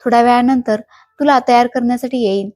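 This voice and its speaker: A woman's voice: fairly high pitch, fairly even intonation, quick pace, darkish tone, dry recording, clean studio sound, close to an everyday voice. A woman voicing a stern young woman working in a brothel, curt and bossy.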